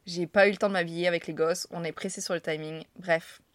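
A woman's voice: lowish voice, steady tone, fast, no room sound. A young woman from France telling funny anecdotes to camera in a chatty, self-mocking way, with slang and frequent laughs. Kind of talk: casual storytelling to camera.

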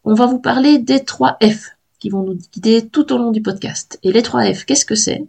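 A woman's voice: on the high side, moderate pace, gravelly, a little mellow, breathy edge. A woman hosting a podcast, upbeat and laughing easily as she introduces topics. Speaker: podcast host. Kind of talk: casual podcast chat.

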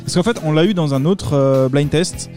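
A man co-hosting a podcast, guessing songs in a quiz with quick, enthusiastic reactions and banter. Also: a little high, dark tone. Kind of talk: casual chat. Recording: clear music playing under the talk.

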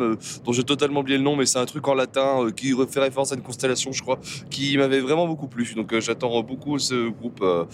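A man's voice: mid-range voice, a little hiss or hum. Joking French man in a car. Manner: joking, mock-grumpy. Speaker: podcast co-host. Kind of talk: casual chat in a car. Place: inside a car on a highway.

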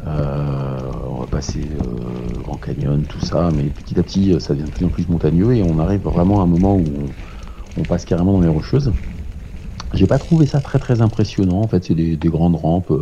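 Deep-voiced man, hesitant and joking. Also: normal speed, warm tone, slight background noise. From France. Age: 40s. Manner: hesitant, many fillers, joking. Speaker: amateur ultra-distance cyclist. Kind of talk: casual interview talk. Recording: dull lo-fi sound with music behind.

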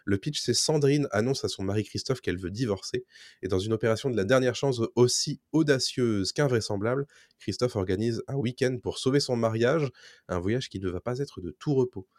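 A man's voice: mid-range voice, fairly quick, darkish tone, dry recording, studio quality. A man co-hosting a casual podcast, reading out new releases and adding enthusiastic asides. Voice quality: enthusiastic, nostalgic. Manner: reads listings then riffs. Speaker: podcast co-host presenting release picks.

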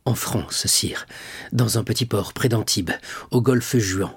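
A man reading an audiobook, voicing a frightened male minister of police who speaks in a hushed, faltering half-whisper. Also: lowish voice, takes it slowly, husky, no room sound, heavily acted. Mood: dreading.

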